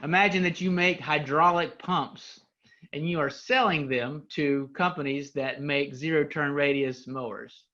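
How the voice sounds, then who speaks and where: Bright-voiced casual man on a muffled web call. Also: a little high, unhurried. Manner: casual, self-deprecating, invites audience to join in. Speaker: co-presenter. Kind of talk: live online training session.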